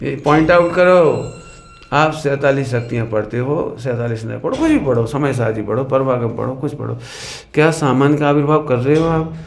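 A man giving a sermon in a lively, questioning way, who sometimes sings verse lines. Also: medium pitch, moderate pace, gravelly. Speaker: religious teacher. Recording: echoey hall with some noise.

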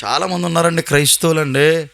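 A pastor with a gravelly, slightly high voice and a Telugu accent from Andhra delivers a Sunday sermon. He scolds his flock, fires off rhetorical questions and tells everyday stories to drive the point home. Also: steady tone, fast, fairly bright tone.

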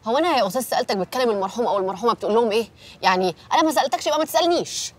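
A woman's voice: fairly high pitch, lively intonation, very fast. An actress playing a defensive, exasperated young woman, speaking with an Egyptian accent. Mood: irritated. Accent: Egyptian Arabic. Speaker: employee.

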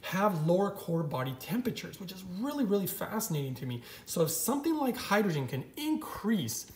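An eager man narrates from off camera, walking viewers through pictures on a screen in a slightly high voice. His explanations come with a keen, selling energy. The room around him is bare and echoey. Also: very animated, fairly quick. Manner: enthusiastic, explanatory, calls viewers guys. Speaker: vlogger.

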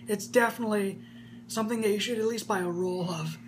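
This snus reviewer, a man in his twenties, records an upbeat, easygoing product review on camera inside a small room. He has a high voice and speaks quickly, with a faint background hum.

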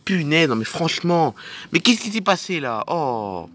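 A man's voice: fairly high pitch, sing-song, measured pace, a bit bright, full character voice. A man voicing a grumpy stranded boat driver in a toy film, muttering and blaming himself. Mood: annoyed. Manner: annoyed, muttering, self-blaming.

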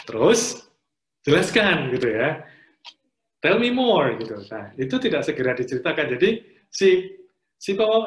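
A man giving a conversational career-skills lecture over a video call, acting out interview exchanges as he teaches. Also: on the high side. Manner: conversational, acts out interview dialogues. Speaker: career trainer. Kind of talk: online training lecture. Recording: roomy, dull lo-fi audio.

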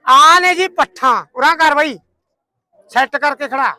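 A man's voice: very high-pitched, unhurried, bright, forceful tone, no room sound. A Punjabi man hosting livestock market videos, bargaining in a hearty, outspoken, bantering way.

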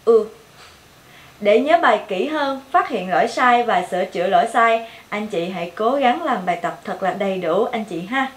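A young woman with a Vietnamese accent teaching English pronunciation, modeling each sound clearly and repeating every word several times. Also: medium pitch, expressive, moderate pace, few pauses, roomy sound. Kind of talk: pronunciation lesson with repeated drill words.

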